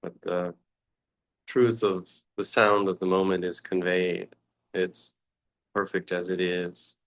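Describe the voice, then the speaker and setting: Speaking as a teacher in a guided meditation, a man offers short, contemplative phrases with long gaps in between. His voice sits low and his delivery stays flat.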